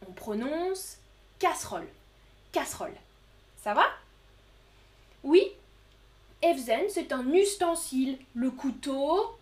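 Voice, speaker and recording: A woman with a high voice leads a live online French lesson. She talks slowly and says each new word carefully, repeating it so learners can follow. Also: a little mellow. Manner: slow, clear, repeats words for learners. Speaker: French teacher.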